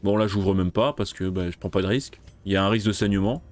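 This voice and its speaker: A man's voice: deep voice, steady tone, quick pace. A man commentating his own game run in casual let's play style, cursing often when things go wrong and muttering while he plans. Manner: swears loudly in frustration, then mutters. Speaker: gaming video creator.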